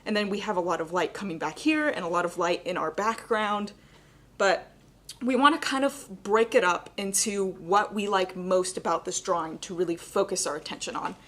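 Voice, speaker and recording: A young woman leading a live painting lesson speaks at normal speed in a mid-range, somewhat bright voice that cracks slightly. Her explanations are casual and chatty, sprinkled with "like" and "kind of."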